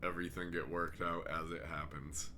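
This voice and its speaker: A man's voice: deep voice, flat delivery, normal speed, sharp tone, a little hiss or hum. A man co-hosting a casual podcast, tired and joking, laughing often. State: tired, yawning. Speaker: podcast co-host. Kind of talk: casual chat.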